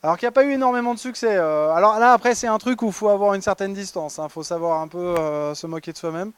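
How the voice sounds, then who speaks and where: A man's voice: high voice, quick pace, clear, resonant tone. A man presenting a humorous award talk at a conference, ironic and chatty with many fillers and restarts. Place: conference hall.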